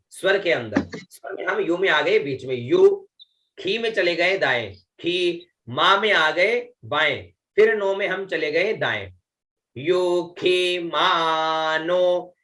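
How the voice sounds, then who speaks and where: A man teaching Vedic chanting in an online lesson. He draws out each syllable slowly and patiently explains how to pronounce it, often checking in with the listener. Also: a little high, fairly bright tone. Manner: slow, drawn-out syllables with chanted demonstrations.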